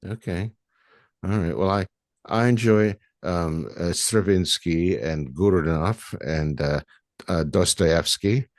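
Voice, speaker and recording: A man's voice: deep voice, slow, no room sound, clean studio sound. A man hosting a podcast interview, chatty and rambling, restarting his sentences often. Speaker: podcast host. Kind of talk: casual interview.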